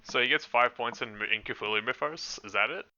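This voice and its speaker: A man's voice: mid-range voice, fairly quick, bright, forceful tone, no room sound, highs cut off. A man playing in a tabletop game, laughing often and asking rule questions. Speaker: player. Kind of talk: casual tabletop chat.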